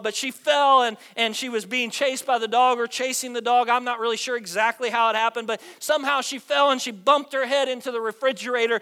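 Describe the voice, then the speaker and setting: High, bright-voiced preaching pastor. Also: male voice, smooth. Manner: preaching with rhetorical questions and a repeated "right?"; swings between loud emphatic lines and hushed low ones. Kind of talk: sermon.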